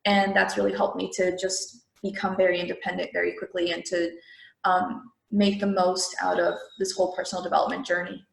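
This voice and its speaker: A young adult woman from Peru speaks as a guest in a relaxed interview. Her talk is chatty and loose, full of fillers, and her voice has a gravelly fry. The recording sounds roomy and echoey. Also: on the low side, a little fast. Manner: chatty, frequent fillers like "like" and "you know".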